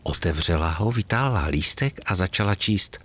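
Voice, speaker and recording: A man narrating a storybook with gentle, expressive reading. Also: low-pitched, breathy edge.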